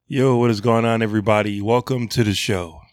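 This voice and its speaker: A man's voice: lowish voice, a little fast, dry recording. A man co-hosting a casual podcast in a laid-back, easygoing way. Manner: laid-back, relaxed plugging. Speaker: podcast co-host. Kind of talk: casual chat.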